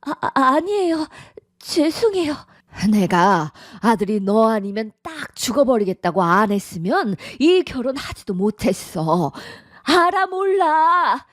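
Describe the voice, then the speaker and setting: A woman's voice: medium pitch, very animated, unhurried, no room sound, studio quality. A synthetic voice of a middle-aged woman playing a domineering, contemptuous widowed mother who nags and scolds in a radio drama. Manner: nagging, sighing, sharp scolding. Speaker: disapproving mother-in-law.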